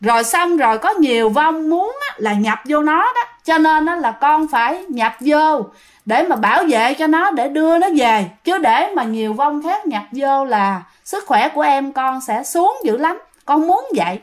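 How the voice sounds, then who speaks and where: A woman's voice: high-pitched, animated, measured pace. A woman voicing the tearful, pleading ghost of a young man in a told story.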